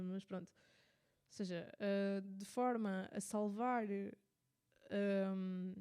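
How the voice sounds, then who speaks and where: A woman's voice: medium pitch, warm tone. Hesitant European Portuguese woman on radio. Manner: thinks aloud with many fillers and restarts. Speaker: radio show host. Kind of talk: casual spoken commentary.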